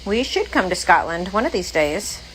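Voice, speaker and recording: A woman's voice: on the low side, sing-song, moderate pace, fairly bright tone, low-quality recording. A young woman co-hosting a casual livestream, reading out chat comments in a chatty, blunt, teasing way.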